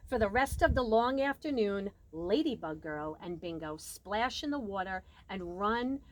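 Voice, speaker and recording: Reading a children's picture book a little slowly, a woman with a medium-pitched voice is expressive, leaning on key words and varying her volume. The recording is low quality, with clearly audible background noise.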